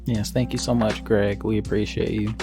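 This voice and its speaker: A man with a lowish voice full of fry talks as a podcast co-host. He banters casually, brash and joking, swearing freely, with faint music behind him. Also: flat delivery, moderate pace. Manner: brash, joking, heavily profane.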